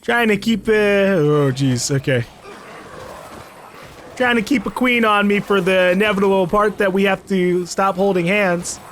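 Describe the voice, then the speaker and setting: In a let's play video, a male YouTuber jokes around casually and shouts out to characters in the game. He has a high, fairly bright voice, talks a little slowly, and there is a slight hiss or hum in the audio.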